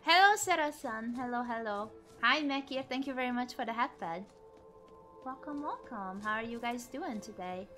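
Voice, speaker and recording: A woman live streamer with a bright, fairly high voice chats casually through her gameplay. She is expressive, exclaiming and swearing freely, with big swings in pitch. Game music plays behind her. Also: normal speed.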